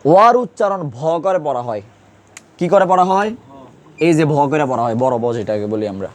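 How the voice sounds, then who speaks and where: This grammar lesson is led by a male teacher whose pitch sits a bit high; he is very animated and fairly quick. His style is easygoing and conversational as he patiently works on pronunciation and keeps quizzing the class.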